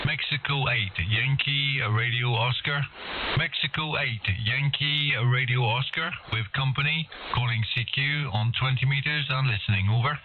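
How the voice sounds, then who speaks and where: A man working as an amateur radio operator, calling CQ and repeating his call sign in a measured, repetitive way. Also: mid-range voice. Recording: narrow tinny band with clear hiss.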